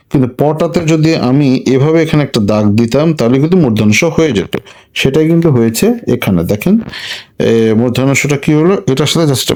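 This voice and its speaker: A man teaching alphabet letters in a casual way, talking while he draws each stroke and repeating the sounds slowly. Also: medium pitch, a little mellow. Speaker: language teacher.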